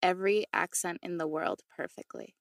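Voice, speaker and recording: A woman's voice: lowish voice, fairly even intonation, normal speed, dry recording, clean studio sound. A young woman co-hosting a podcast, chatty and enthusiastic with a teasing edge. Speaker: podcast co-host. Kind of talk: casual podcast chat.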